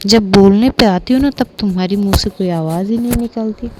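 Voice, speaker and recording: A woman's voice: medium pitch, brisk, noisy background, close to an everyday voice. A woman doing a flustered shy young wife. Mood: flustered scolding. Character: shy, scolding young wife, easily embarrassed. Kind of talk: storytelling role-play.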